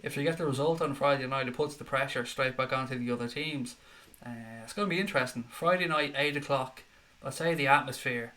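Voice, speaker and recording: Dublin Irish male stream host, mid-pitched, slight head cold, chatty and matey, reads out fan messages. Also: pushed and bright. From Dublin, Ireland. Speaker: live stream host reading viewer comments. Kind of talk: casual live-stream chat.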